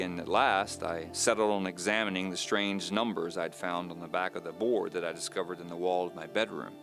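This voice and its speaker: In low, measured tones, a man narrates a scripted audio drama as an uneasy character recounting his own mystery, speaking in a confiding way.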